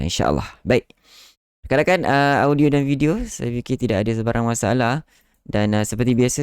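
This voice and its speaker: Smooth-voiced man teaching tajwid. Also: lowish voice, darkish tone, no room sound, clean studio sound. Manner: explains with many "ah" fillers, demonstrates recited words with stress. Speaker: Quran recitation teacher and live show host. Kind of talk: live online tajwid lesson.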